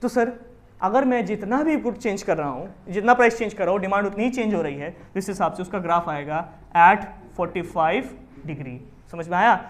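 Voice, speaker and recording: Lively commerce teacher lecturing. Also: male voice, sits high. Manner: lively, asks the class questions often. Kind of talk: classroom lecture in Hindi with English terms.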